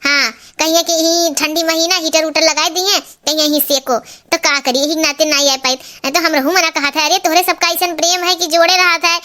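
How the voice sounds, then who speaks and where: A woman's voice: very high-pitched, little pitch movement, normal speed, hardly any pauses, pushed and bright. A woman voicing a scolding old village mother-in-law in a cartoon. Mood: tired. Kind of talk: cartoon voice acting.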